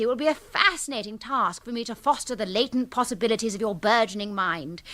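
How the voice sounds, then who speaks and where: A woman's voice: a little high, sharp tone. An actress playing a self-assured, romantic young upper-class English lady in a comic radio drama, earnest, gushing and commanding.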